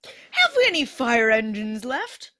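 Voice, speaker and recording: A woman's voice: on the high side, wildly swooping pitch, a little slow, very noisy. A woman playing a jolly old male Santa Claus taking phone orders, cheerful and chuckling in a live radio-play reading.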